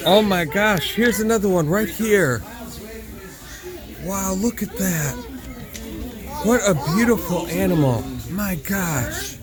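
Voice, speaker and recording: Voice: mid-range voice, expressive, slow pace, long pauses. A travel vlog host narrating animal sightings casually, in an awed, exclaiming manner. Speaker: host of a travel video channel. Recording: music behind the voice. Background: music.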